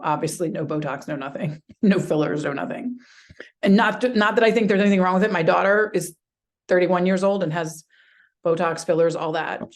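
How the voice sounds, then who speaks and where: A woman in her fifties gives casual, blunt, opinionated commentary as she reacts to a video. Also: lowish voice.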